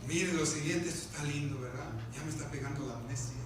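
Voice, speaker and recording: High-voiced fervent preaching pastor, echoey. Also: male voice, fast. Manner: preaching, swings from quiet asides to loud fervent outbursts; addresses listeners as "hermano" constantly. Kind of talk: sermon. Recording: echoey church room, mic far away, background noise.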